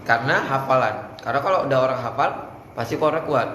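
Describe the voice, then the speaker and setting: A man's voice: mid-range voice, fast talker, a bit bright. A man coaching students for an Islamic speech contest in a casual manner, now and then chanting Arabic phrases to demonstrate. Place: indoor room at an Islamic boarding school. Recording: echoey room, faint background noise.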